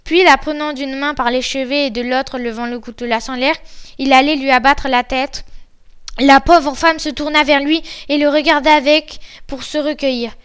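A woman with a high voice reads a classic fairy tale aloud. Her narration is measured and soft. She tells it like a storyteller. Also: fairly even intonation.

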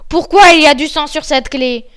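A woman voicing a menacing, cruel nobleman who threatens and shouts at his wife in a read-aloud fairy tale. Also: sits high, moderate pace. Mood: cold.

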